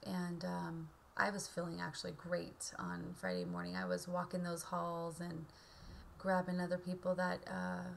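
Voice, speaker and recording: A woman in her thirties talking casually and haltingly in a subdued way, as in a video diary recorded at home on a webcam. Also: fairly low pitch, vocal fry, slight background noise. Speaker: vlogger. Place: indoor room at home. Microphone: webcam or laptop mic at arm's length.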